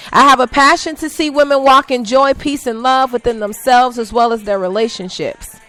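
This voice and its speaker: A woman hosting an inspirational talk radio show, upbeat and teasing, who sometimes stumbles over words and corrects herself. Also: fairly high pitch. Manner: upbeat, teasing, laughs at own jokes.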